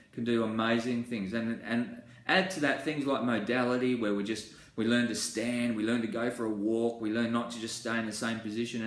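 Earnest man teaching in an echoey room. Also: medium pitch. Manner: earnest, gestures a lot, restarts with fillers. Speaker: course presenter. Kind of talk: small-group teaching talk. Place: indoor room with wall pictures.

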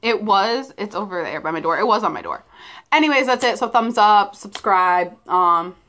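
A woman's voice: mid-range voice, lively intonation, normal speed, a bit bright. A young woman chatting casually and giggling through a shopping haul video. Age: young adult. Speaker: vlogger.

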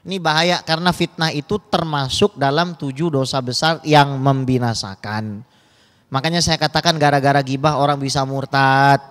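A man preaching a sermon with stories, in an animated way, jumping between loud and soft with humorous asides, in a mosque hall with long reverb. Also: a little high. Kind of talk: sermon with storytelling.

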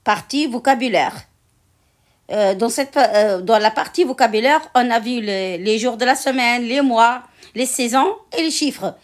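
Lady teacher going slow, kinda high voice, repeats every word patiently. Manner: patient, repeats words and syllables aloud. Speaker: French teacher. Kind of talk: slow classroom instruction.

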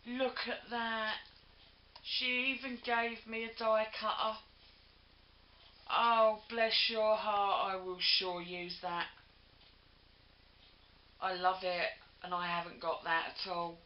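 A woman's voice: mid-range voice, level tone, slow, long pauses. Gushing woman, roomy lo-fi sound. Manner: gushing, effusive, many breathy "oh"s. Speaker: crafting vlogger. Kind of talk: gift unboxing vlog. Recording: lo-fi home video, roomy.

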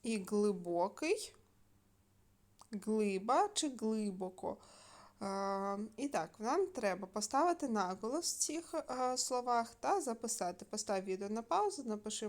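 Woman teacher giving a slow, clear video lesson. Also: a little high. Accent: Ukrainian. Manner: slow, clear dictation with fillers. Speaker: primary school teacher.

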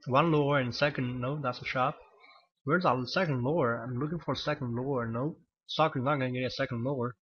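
Here a man with a slightly rough, mid-range voice gives solo play-by-play of a strategy game while losing his voice. Rambling and frequently correcting himself, he fills gaps with filler words. The highs in the audio are cut off.

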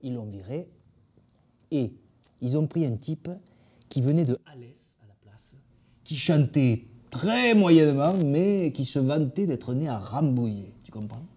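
Animated man with a southern French accent. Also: medium pitch, measured pace, breathy edge. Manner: vivid, animated storytelling. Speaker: actor. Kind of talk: theatre monologue.

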